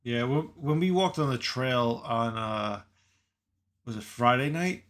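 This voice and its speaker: A man's voice: medium pitch, expressive, a bit bright. Male host, casual, hesitant delivery, blunt wording. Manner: halting, filler-heavy, blunt. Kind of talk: casual chat.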